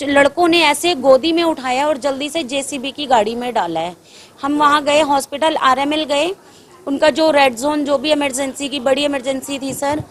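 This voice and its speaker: A woman giving an urgent eyewitness account to a news reporter, often addressing him as sir. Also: high-pitched. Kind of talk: news interview testimony.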